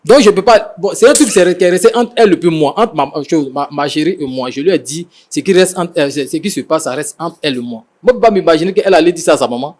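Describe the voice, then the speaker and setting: A young man with a slightly raised voice talks fast as he justifies himself. He stumbles, restarts and repeats his points in a defensive, insistent way. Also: on the high side, darkish tone. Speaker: husband being mediated. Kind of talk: defensive explanation on a mediation show.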